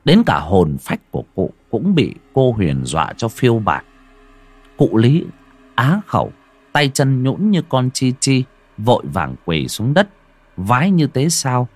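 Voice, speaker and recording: A man narrating a ghost story theatrically, dropping to a hush and rising sharply. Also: medium pitch, huge pitch swings, measured pace, husky. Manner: theatrical, swings from hushed to loud.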